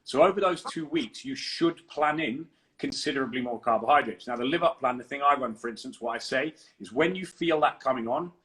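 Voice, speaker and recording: A man's voice: medium pitch, a little fast, hardly any pauses, fairly bright tone, low-quality recording. A man co-hosting a podcast, explaining nutrition in a confident, emphatic coaching manner. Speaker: fitness coach and podcast co-host.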